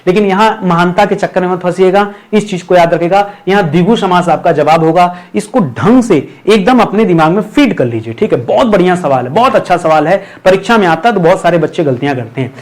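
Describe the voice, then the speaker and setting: A man's voice: sits high, expressive, brisk, hardly any pauses. A man teaching a grammar lesson for exam preparation, repeating key terms and checking in with his listeners.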